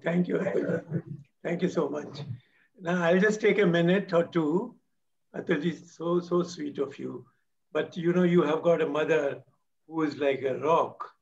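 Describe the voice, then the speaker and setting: A man's voice: a little high, unhurried, vocal fry, highs cut off. A retired man in his sixties with an Indian English accent hosting a memorial gathering, passing the floor to speakers and making light jokes. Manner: warm moderator, light jokes, switching into Hindi. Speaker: event host.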